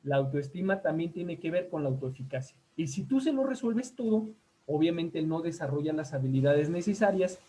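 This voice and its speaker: A man with a Mexican accent gives a talk from slides in a mellow, fairly high voice. He speaks conversationally, with many fillers, and keeps checking in with his listeners. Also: poor audio. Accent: Mexican Spanish.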